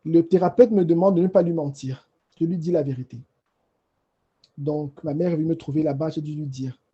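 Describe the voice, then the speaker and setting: A man with a high but very dark, husky voice tells his personal faith story on a panel. He speaks with emotion and halts often, circling back over the same phrases. The recording sounds dull and muffled. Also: fairly even intonation, a little fast.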